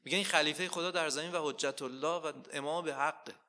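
A man preaching a sermon, asking rhetorical questions and slowly quoting scripture with rising emphasis. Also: fairly high pitch, steady tone, sharp tone.

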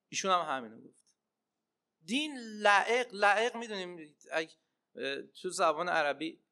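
Guy preaching a sermon, kinda high bright sharp voice, gets loud then goes quiet. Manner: impassioned, swinging between loud emphatic cries and hushed asides. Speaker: preacher and Arabic teacher. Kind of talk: religious sermon with storytelling.

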